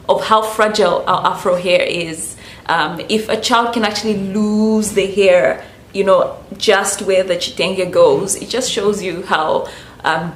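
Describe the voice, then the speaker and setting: Speaking in a mid-range voice over slight hiss or hum, a woman from Zambia who vlogs about natural hair gives easygoing care advice to camera. She keeps it loose and talkative, often saying "you know." The room echoes, and soft background ambience is audible.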